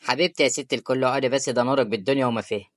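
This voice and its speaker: A performer with an Egyptian Arabic accent voicing an affectionate, patient young husband in an animated story. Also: female voice, very deep voice. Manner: warm-hearted, rapid.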